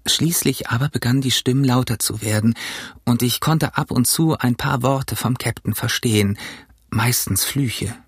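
A man narrating an audiobook in a steady, measured storytelling manner. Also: medium pitch, breathy edge, no echo, clean studio sound. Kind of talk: audiobook reading.

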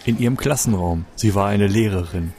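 A man's voice: lowish voice, brisk, a little mellow. A man reading a story aloud, narrating expressively and with urgency. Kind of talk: audiobook narration. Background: faint music.

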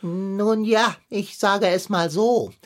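A woman voicing a calm, wise male tomcat in a children's radio play, talking in a soothing, slightly pompous way. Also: medium pitch, slow, close to an everyday voice. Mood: wry.

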